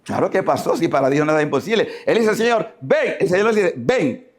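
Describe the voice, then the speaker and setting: A priest from Panama preaches a loud, theatrical Sunday sermon in church. His fairly high voice leaps all over the place as he shouts and acts out each scene. The delivery is passionate and full of sudden bursts. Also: fast talker, a crowd in the background. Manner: shouting, animated, dramatic acting out of scripture. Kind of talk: lively sermon.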